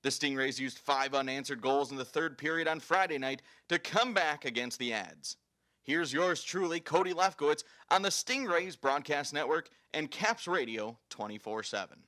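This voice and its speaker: Male sports host, scripted highlight recaps, slightly high pitch, bright forceful delivery. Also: lively intonation, normal speed.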